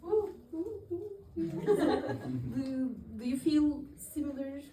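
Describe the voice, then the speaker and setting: A woman in her thirties from Turkey performs open-mic stand-up on a comedy club stage before an audience, chatting and laughing at her own jokes. Her high, expressive voice has a dark tone and comes very slowly. She's recorded from afar in an echoey room with slight background noise.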